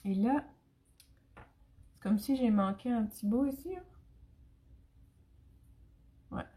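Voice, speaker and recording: A woman's voice: on the high side, normal speed, dark tone. A young Acadian woman from Canada, sick with an irritated throat, chatting through a makeup tutorial and talking to her viewers. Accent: Acadian French. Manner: chatty, addresses viewers and live commenters. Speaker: makeup demonstrator.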